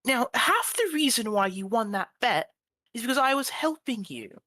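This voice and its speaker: A woman's voice: on the high side, animated, normal speed, pushed and bright, dry recording. A woman playing a tabletop game, moving between casual narration and in-character talk.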